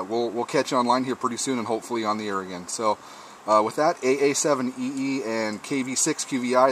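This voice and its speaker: A man with a mid-range, somewhat bright voice chats casually over ham radio while testing his rig, swapping call signs and test reports. The recording, made in an outdoor radio shack, is clearly noisy.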